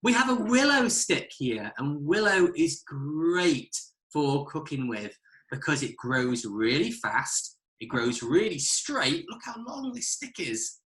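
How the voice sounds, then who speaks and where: A man's voice: a little high, big pitch swings, takes it slowly, a bit bright, slightly rough. A British man giving a live outdoor cooking demonstration by a campfire, instructive and friendly, speaking to children watching. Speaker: forest school instructor.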